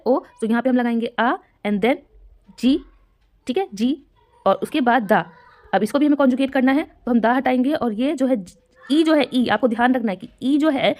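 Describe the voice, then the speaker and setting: A young woman talks through a Korean grammar lesson for video learners. Her voice sits a little high, and she spells out each example slowly, repeating words and pausing to check that the listener has it. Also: a little mellow. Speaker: Korean language teacher.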